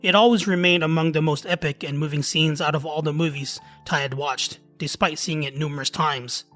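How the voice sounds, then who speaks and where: Guy narrating a romance story, bright forward voice, soft music behind. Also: on the high side, steady tone, brisk. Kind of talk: scripted narration of a love story.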